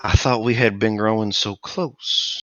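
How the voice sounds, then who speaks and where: A man voicing a smug, menacing skeletal undead figure in a cloak, speaking softly and slipping into whispers. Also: lowish voice, fairly even intonation, a little slow, dry recording, muffled recording, soft background music, pitched above the performer's own voice.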